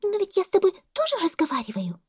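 A woman voicing an excitable little female monkey with a very high, squealing voice. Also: fast, exaggerated voice. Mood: excited.

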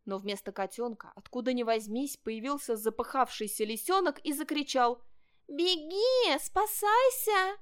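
A woman reading a children's story aloud, narrating in a lively, expressive way. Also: on the high side, normal speed, few pauses, clear, resonant tone.

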